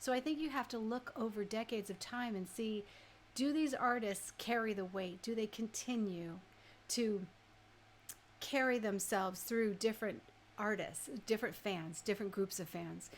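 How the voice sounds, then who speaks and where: Hosting a music program on the radio, a woman talks conversationally with her audience, tossing out rhetorical questions and frequent tags seeking agreement. She speaks at normal speed in a mid-range voice, with slight background noise.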